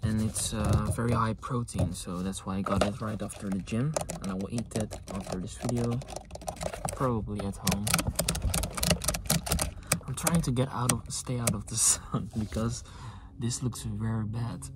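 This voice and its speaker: Sitting in a parked car with the engine off, a non-native English-speaking ASMR creator in his twenties rambles casually to a camera mounted behind the steering wheel, speaking softly and haltingly and now and then dropping to a whisper. His voice is lowish and steady. Loud clicking, tapping and handling noise run through the whole recording.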